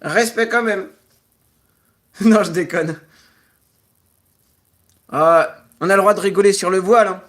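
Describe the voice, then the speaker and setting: A man's voice: sits high, steady tone, unhurried, long pauses, fairly bright tone. A man hosting a casual livestream, joking and teasing, rambling with stammering restarts. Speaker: livestream host.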